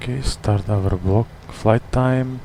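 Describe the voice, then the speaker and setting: Low, measured man making pilot takeoff callouts. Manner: measured, procedural, clipped checklist phrasing. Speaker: flight simulator streamer playing airline pilot. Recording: steady cockpit hum and background noise.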